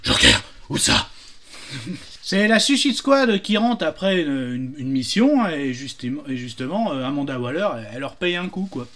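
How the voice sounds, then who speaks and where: A man's voice: a little high, animated, a little fast, few pauses. A man telling jokes casually, hesitant, with many fillers and restarts. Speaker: joke teller.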